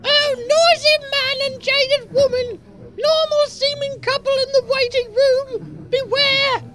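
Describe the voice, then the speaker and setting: A woman's voice: extremely high pitch, steady tone, slow pace. A woman playing an overwrought, violently sick lady diner in a comic audio drama, declaiming melodramatically. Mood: panicked. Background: loud music.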